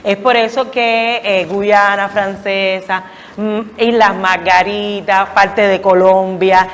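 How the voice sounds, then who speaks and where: A woman giving a reflective academic talk, explaining deliberately and emphatically with searching pauses. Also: mid-range voice, level tone, slight background noise. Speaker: academic lecturer. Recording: long echoing hall reverb.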